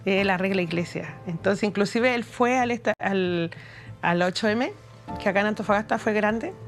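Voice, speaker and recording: A woman's voice: mid-range voice, normal speed, soft background music. A woman with a Chilean Spanish accent giving an earnest, emphatic account as a guest in a television interview. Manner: earnest, emphatic storytelling with quoted speech. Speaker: guest, mother of a detained youth. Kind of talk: interview testimony.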